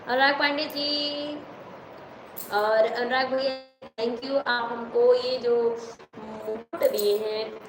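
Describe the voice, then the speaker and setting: A woman with an Awadhi accent, a folk singer hosting a live stream, reading out viewer comments and greeting viewers by name. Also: a little high. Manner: reads out viewer comments and greets them by name between songs. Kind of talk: live stream chat with singing. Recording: echoey room with music behind.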